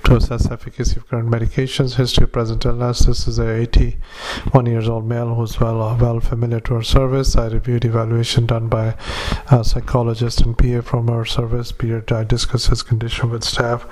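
A man, a doctor, dictating a medical report into a dictaphone recording, halting with many fillers and spelling out names. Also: mid-range voice, monotone, darkish tone, poor audio.

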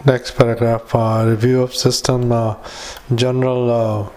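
Man, average pitch, monotone, doctor's dictation, hesitant, halting phrases, matter-of-fact. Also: noisy background. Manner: halting, hesitant, with frequent long pauses. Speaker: doctor dictating a psychiatric evaluation. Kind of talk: medical dictation with spoken formatting cues.

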